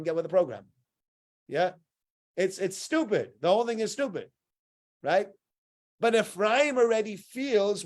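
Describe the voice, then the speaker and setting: A man teaching the weekly Torah portion to a small group, conversational and full of rhetorical questions. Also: high voice. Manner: conversational, rhetorical questions, acts out quoted exchanges. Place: synagogue room with listeners.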